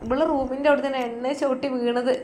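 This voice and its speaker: A woman voicing a sharp-tongued older stepmother in pain, whining and complaining in a Malappuram Malayalam accent. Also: sits high, level tone, fairly quick, slight background noise, pitched above the performer's own voice, lightly acted.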